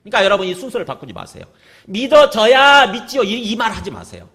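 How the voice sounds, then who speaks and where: A man's voice: high-pitched, huge pitch swings, rapid-fire, fairly bright tone. A male pastor preaching a sermon in a conversational way, often asking the congregation rhetorical questions. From South Korea.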